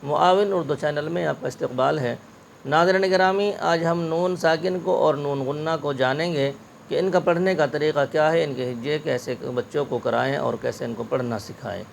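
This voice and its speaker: A man teaching a spelling lesson, with a gravelly, fairly high voice. He drills words slowly, letter by letter. A faint hiss runs under the recording. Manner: slow, syllable-by-syllable spelling drills.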